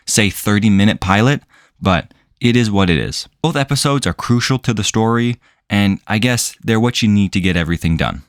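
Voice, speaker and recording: Male commentary reviewer: slightly low voice, sarcastic and incredulous, close dry sound. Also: no echo. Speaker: video reviewer.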